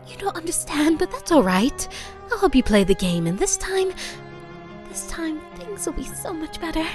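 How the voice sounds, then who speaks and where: A woman's voice: sing-song, moderate pace, music in the background. Woman doing a giddy unhinged Hatter. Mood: whispery eerie. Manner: high giggly sing-song, abrupt shifts. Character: giddy obsessive female Hatter, unsettling.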